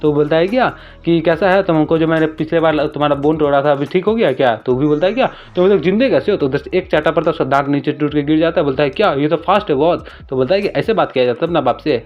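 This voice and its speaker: Fast-talking man recapping a comic story. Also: a little high. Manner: retells scenes rapidly, briefly raising his voice for quoted lines. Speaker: manhwa recap narrator. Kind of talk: casual storytelling recap with quoted dialogue. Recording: dull lo-fi voice-over with faint music.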